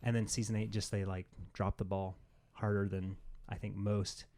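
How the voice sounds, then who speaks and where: Another podcast co-host, he has a warm, fairly low voice with little pitch movement and a moderate pace. He rambles casually about games and pop culture, often saying "like."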